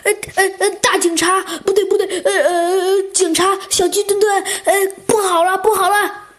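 A woman's voice: a little high, big pitch swings, moderate pace, a bit bright, soft background music. A woman voicing a flustered male coin collector in a children's story, panicky and stammering.

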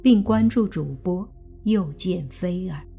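A woman narrating a serialized novel aloud as its audiobook host, in a slow, even storytelling delivery. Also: fairly low pitch, gravelly, soft background music.

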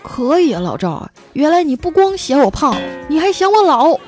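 A woman voicing a middle-aged mother who teases, frets about her weight and snaps in anger, with a sing-song, shrill way of talking. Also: animated, normal speed, dark tone, faint music behind, some chatter behind, close to an everyday voice. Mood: indignant. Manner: sing-song teasing, shrill when angry. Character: middle-aged mother, teasing, vain, quick-tempered.

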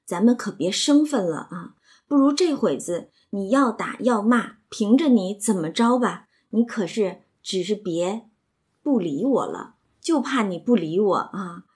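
A woman voicing a young nobleman who pleads and coaxes his upset cousin, in her own husky voice. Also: mid-range voice, expressive, unhurried, darkish tone, close to an everyday voice. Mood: coaxing. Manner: pleading, coaxing.

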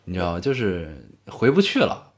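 A Beijing-accented man with a slightly low voice talks as a co-host in casual chat. His intonation is very animated, moving freely up and down. His speech is colloquial, with offhand swearing. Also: a little fast. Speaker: radio show co-host.

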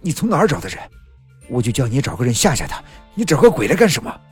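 A man's voice: deep voice, animated, moderate pace, darkish tone, husky, soft background music, heavily acted. A man voicing a gaunt, lovesick young man in an audio horror story, speaking in an agitated, pleading way.

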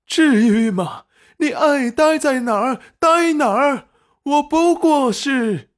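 A man voicing a teasing, sulky young man in an audiobook, with a whiny, drawn-out way of complaining. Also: very high-pitched, lively intonation, voice pushed up, full character voice. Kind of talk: audiobook character voice.

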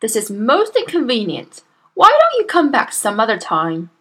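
A snappy, blustering father with no patience for visitors, as a woman reader puts him on. His lines come out loud and gruff-edged over a slightly husky voice, pitched high for a man. He talks down to everyone in the room, as in a children's storybook reading. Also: wildly swooping pitch, moderate pace, full character voice. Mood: irritable. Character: rude brash middle-aged father, impatient.

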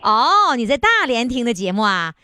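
Lively, teasing female radio host. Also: fairly high pitch, normal speed, clean tone, no echo, clean studio sound. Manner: lively, teasing, laughs a lot. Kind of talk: call-in radio hosting.

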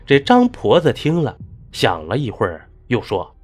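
A man's voice: mid-range voice, huge pitch swings, normal speed, soft background music. A man narrating a folk ghost story in a dramatic, rising and falling delivery.

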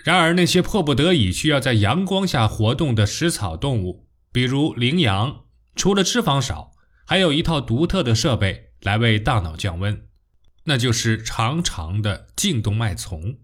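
A man reading scripted popular science narration in a nature documentary manner, telling it like a story with expressive emphasis and rhetorical questions. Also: mid-range voice, normal speed.

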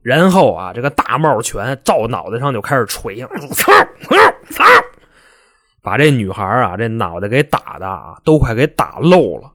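A man telling a true-crime story in a lively, colloquial manner with crude humor. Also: medium pitch, normal speed, few pauses, dry recording, studio quality. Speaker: storyteller host.

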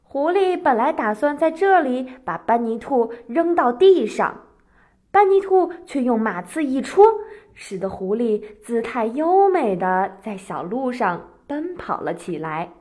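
Woman storyteller for kids, lively pitch, unhurried pace. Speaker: children's storyteller. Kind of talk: children's story narration.

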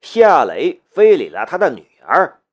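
A man reading a serialized novel aloud. His storytelling is expressive and animated, with a voice a bit higher than most men's. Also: a little slow, slightly rough, muffled recording. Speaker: audiobook narrator. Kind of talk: scripted novel narration.

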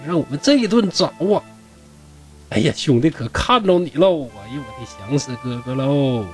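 A man with a Northeastern Mandarin accent voicing Zhou, a blunt, warm-hearted middle-aged scholar who talks in a hearty, pleading, colloquial way. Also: mid-range voice, animated, moderate pace, faint music behind, natural voice.

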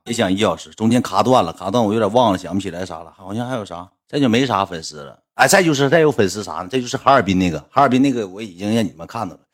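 Man, livestream storyteller, husky, animated pitch, rambling and exasperated.

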